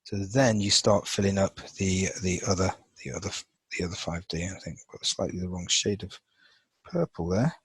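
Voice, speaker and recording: A man's voice: low voice, normal speed, slightly rough, no room sound, poor audio. A man teaching chemistry in a loose lesson style, thinking aloud as he colors in a chart, with frequent fillers and restarts. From England. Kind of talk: informal lesson over a drawn screen.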